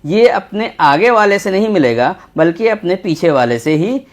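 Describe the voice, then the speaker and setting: Guy teaching little kids urdu letters, kinda high voice, slow and patient, says each letter twice. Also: lively intonation. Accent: Indian Urdu. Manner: patient, slow, repeats letter names while writing. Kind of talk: textbook lesson for young children.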